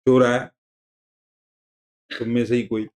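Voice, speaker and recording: A man giving a religious lesson to a class, explaining terms in a conversational, digressive way and repeating himself to make points clear. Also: medium pitch, level tone, measured pace, darkish tone. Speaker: religious teacher.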